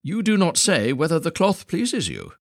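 Two sly swindlers posing as weavers, voiced by a man, fawning and smooth, the husky voice pitched a little high. The storybook telling is dry and close. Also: huge pitch swings, normal speed, no room sound, exaggerated voice.

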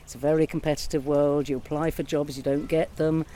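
A woman in her sixties, a retired teacher, talking thoughtfully in a relaxed outdoor chat. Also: low voice. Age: 60s. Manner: thoughtful, measured, reflective. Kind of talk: casual conversation. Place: garden outdoors by a pond.

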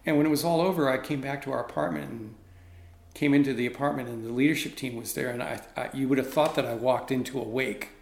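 A man's voice: medium pitch, quick pace, gravelly. Middle-aged guy, ministry leader, telling a story and doing the dialogue, echoey room. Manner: animated, reenacts dialogue. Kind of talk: storytelling in a conversation.

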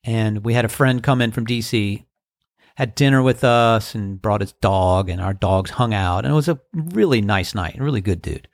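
A middle-aged man hosting his own podcast, talking in a relaxed, reflective, unhurried way with frequent ums and uhs. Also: on the low side, no echo, studio quality. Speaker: podcast host. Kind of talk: casual solo podcast monologue.

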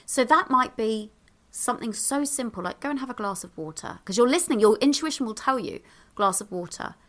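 A woman's voice: a little high, expressive, fairly quick. A woman, a podcast guest, giving chatty advice in a bubbly, exclamatory way with lots of fillers, speaking into a handheld microphone. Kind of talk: casual advice in conversation.

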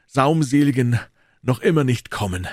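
A man reads aloud as a gracious, noble male musketeer with a dignified manner, in a medium-pitched, expressive and slightly mellow voice at a moderate pace. The studio-quality recording has no room sound, and the voice is pitched above his own but close to an everyday one.

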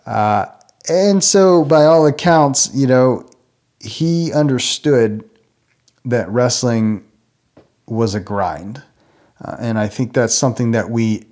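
A man in his thirties speaks to fellow believers in a low, somewhat deep voice. He tells personal stories at an unhurried, earnest pace, with frequent small fillers and restarts. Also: darkish tone. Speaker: church ministry speaker. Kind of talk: reflective personal talk.

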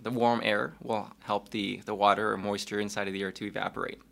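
Ear doctor guest, male, low and gravelly, calm and measured explainer. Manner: calm and measured, with small restarts. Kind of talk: explaining medical facts.

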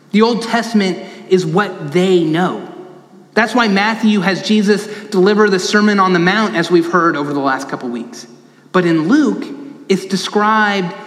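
A man, a pastor, preaching a sermon, telling a story and pressing his points with emphatic repetition. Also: high-pitched. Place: large church sanctuary. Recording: roomy church reverb.

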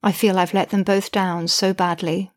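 A woman's voice: mid-range voice, level tone, normal speed. A woman narrating her own diary-style account as a mother, indignant, wry and exasperated.

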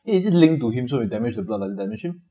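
A man's voice: medium pitch, sing-song, rapid-fire, warm tone. A man playing a tabletop game, jokey and playful, often laughing. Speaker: player. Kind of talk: casual tabletop play.

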